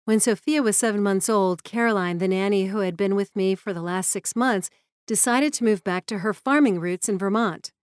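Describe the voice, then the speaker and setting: A woman's voice: mid-range voice, moderate pace, clean tone, no echo, clean studio sound. A woman reading her own memoir aloud in an earnest, reflective manner. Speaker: memoir narrator. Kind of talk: audiobook memoir narration.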